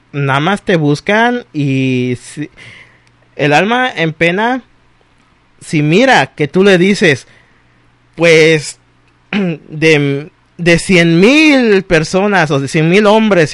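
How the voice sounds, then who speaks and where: Man, slightly high voice, lively casual chat, dry close recording. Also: no room sound. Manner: animated, laughs often, acts out quoted voices. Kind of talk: casual chat about exes.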